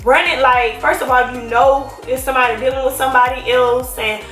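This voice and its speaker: A woman's voice: high voice, fairly even intonation, brisk, fairly bright tone, echoey room, faint music behind. A woman telling a personal story in a casual, sarcastic, slangy way.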